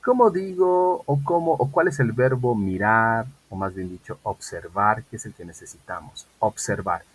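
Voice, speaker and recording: A man teaching an English class online, patiently repeating model sentences slowly and often checking in with "¿ok?". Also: fairly low pitch, lively intonation, breathy edge, poor audio.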